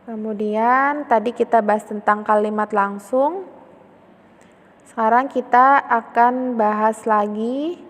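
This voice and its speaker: A woman's voice: a little high, takes it slowly, long reverb tail. A woman teacher patiently explaining a lesson, often checking in with a short "ya" as she repeats her points. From Indonesia.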